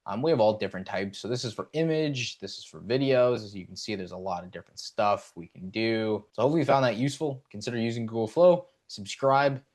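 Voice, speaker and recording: Guy walking thru an ai video tool, laid back, lots of ums, lowish voice. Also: fast talker, few pauses. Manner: relaxed, with frequent fillers. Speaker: tutorial host. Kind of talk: casual screen-recording tutorial.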